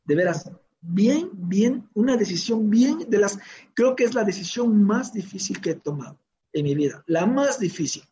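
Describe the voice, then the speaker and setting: High-voiced man telling a story. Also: normal speed. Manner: animated, acts out dialogue, frequent restarts. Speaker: interview guest, father of a young tennis player. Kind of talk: conversational storytelling. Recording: slightly dull recording with faint hiss.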